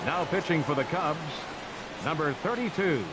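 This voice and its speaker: A ballpark public address announcer booms out through the stadium loudspeakers in a video game. His voice sits a little high and swings widely as he stretches out each name in slow, formal calls. Loud game noise runs behind him. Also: lively intonation. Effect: booming through stadium loudspeakers.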